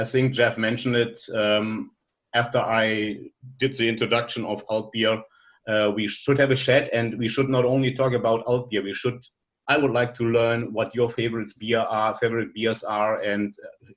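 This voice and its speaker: Over a video call, a guest presenter from Germany, a non-native English speaker with a German accent, gives a friendly but hesitant presentation packed with fillers and restarts. His voice is mid-range and a bit bright, and the recording is muffled.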